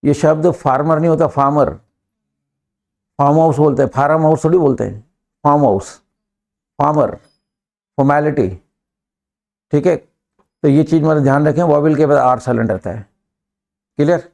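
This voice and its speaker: A man with an Indian accent teaching a live English class, drilling students and pushing them to answer quickly. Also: a little high, gravelly, darkish tone.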